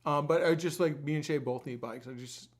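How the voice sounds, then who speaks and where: A man with a slightly high, brisk voice hosts a giveaway livestream, chatting loosely and informally, rambling along with plenty of swearing.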